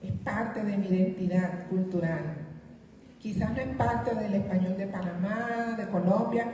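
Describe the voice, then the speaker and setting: A woman's voice: mid-range voice, a little slow, warm tone, a little hiss or hum. A middle-aged woman giving a university lecture on linguistics, explaining points and answering her own rhetorical questions. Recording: echoey hall, distant mic, faint room ambience.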